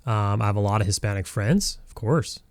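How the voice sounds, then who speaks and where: A man in his forties from Southern California streams a game, chatting loosely and restarting sentences with plenty of fillers. His voice runs on the low side and a bit quick, recorded dry.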